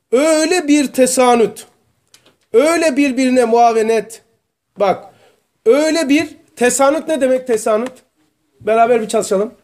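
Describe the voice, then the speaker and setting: Guy teaching a religion class, real high voice, quizzes the students, goes slow on the words. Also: darkish tone. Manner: asks students questions, explains terms slowly. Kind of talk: religious lesson to a small group.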